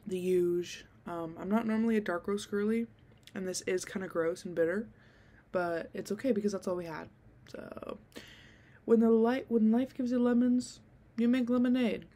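In a dim bedroom, a young adult podcast host speaks into a handheld desk mic near her mouth, rambling casually with lots of ums and likes and sounding a bit nasal from being ill. She has a medium-pitched, warm, steady voice at a moderate pace.

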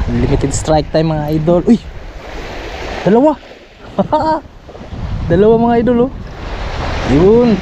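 A Filipino fishing vlogger chats casually with his viewers while fishing on a sunny, sandy beach by the sea. He's excitable, repeats himself, and keeps calling his viewers "idol," in a fairly high voice. The audio, captured outdoors by a head-mounted action camera's mic, sounds muffled and carries wind and sea noise.

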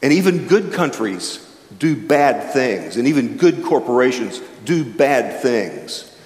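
Speaking slowly at a medium pitch, an older chapel speaker gives a reflective, animated sermon at a lectern, using wide gestures and a varying pace. The stand microphone picks him up from far off in a large, echoey chapel full of listeners.

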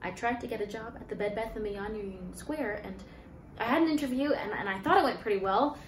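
Woman acting flustered young female job seeker, defensive, rambling, highish voice, theatre monologue, roomy echo. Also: brisk, close to an everyday voice. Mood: deflated, awkward. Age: 20s. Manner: rambling, hesitant, conversational. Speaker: actor performing a monologue. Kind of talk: naturalistic contemporary theatre monologue. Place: small bare-walled room indoors. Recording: echoey room, faint hiss and noise.

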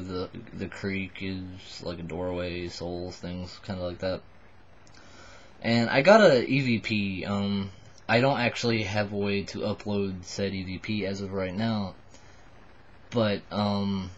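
A man in his twenties, a little drunk, giving a halting, rambling, casual confessional to the camera. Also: deep voice, a little hiss or hum. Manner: tipsy, buzzed, halting and rambling. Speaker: vlogger addressing subscribers. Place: small wood-panelled bedroom indoors. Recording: dull lo-fi webcam audio.

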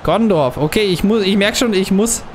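A young man giving casual commentary while he plays a football video game, muttering at times and bursting out loudly at plays. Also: sits high, normal speed, a little hiss or hum. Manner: excitable, swings from muttering to loud outbursts at plays. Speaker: gaming channel host.

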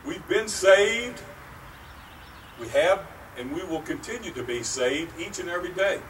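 Middle-aged man, pastor, slow deliberate outdoor sermon, slightly higher voice, mic well off, faint hiss. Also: expressive, fairly bright tone, distant mic, poor audio. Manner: slow, earnest preaching with pauses. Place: outdoors by a brick church. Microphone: far camera, at a wooden pulpit.

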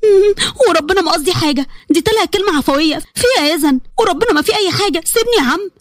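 A woman's voice: extremely high pitch, animated, very fast, no echo, studio quality, voice pushed up. Woman doing a whiny spoiled Egyptian girl. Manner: whiny, pleading. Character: spoiled whiny young sister.

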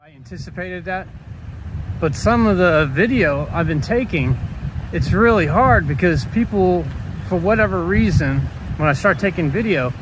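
A man's voice: high voice, expressive, normal speed. A middle-aged man chatting casually on a travel vlog, filmed on a phone at arm's length outdoors, grumbling and joking in an offhand way. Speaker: vlogger. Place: outdoors on a windy coast. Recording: loud wind and outdoor noise. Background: wind, traffic and outdoor noise.

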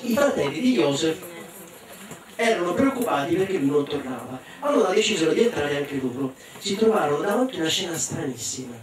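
A man reading a children's book aloud at a bookshop event in a lively, theatrical way. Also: on the high side, fairly quick. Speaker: storyteller. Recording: echoey room from a distant mic.

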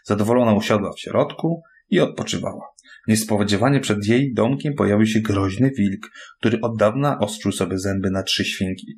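A man reading a fairy tale aloud, expressive and adding sound effects. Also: on the low side, moderate pace. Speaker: storyteller.

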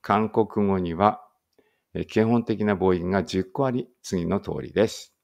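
A man's voice: fairly low pitch, measured pace, creaky. A man reading a study text aloud in a casual study-along and thinking aloud in muttered asides. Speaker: language teacher reading aloud.

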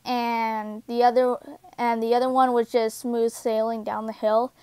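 A young woman casually telling a personal story, halting with many fillers and restarts, recorded on a close home microphone. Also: a little high, little pitch movement, warm tone, clean tone, no echo.

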